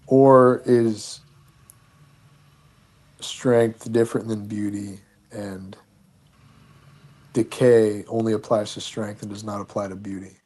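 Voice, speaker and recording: A man with a somewhat low voice hosts a casual debate. He builds his questions methodically, one step at a time, to press his point. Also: flat delivery, takes it slowly, pauses often, darkish tone. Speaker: host.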